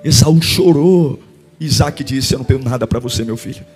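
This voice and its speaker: A man with a Brazilian Portuguese accent, preaching a sermon as a pastor, shouting and chanting at times and dropping to a low, quiet appeal at others. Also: normal speed, soft background music.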